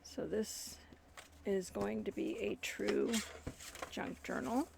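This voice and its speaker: A woman hosting a craft tutorial, thinking aloud in an unhurried way as she works at her desk, with soft asides. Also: medium pitch, steady tone, gravelly, noisy background. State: yawning, warm. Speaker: crafting channel host. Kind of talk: casual craft tutorial chat.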